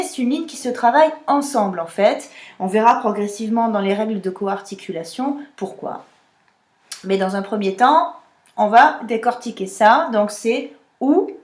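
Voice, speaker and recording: A woman's voice: fairly high pitch, echoey room. A woman singing teacher explaining a vocal technique exercise and demonstrating vowel sounds with her own voice.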